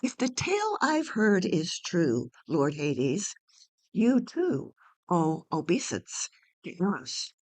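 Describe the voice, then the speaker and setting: A woman voicing Orpheus, an earnest, lovesick young man who implores haltingly, in a dramatic play reading. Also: on the low side, wildly swooping pitch, heavily acted. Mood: impassioned.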